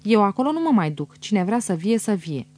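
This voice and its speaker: A woman reading an audiobook, voicing a sulky, stubborn man with shrill, petulant outbursts. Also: very animated, darkish tone. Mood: stubborn sulking.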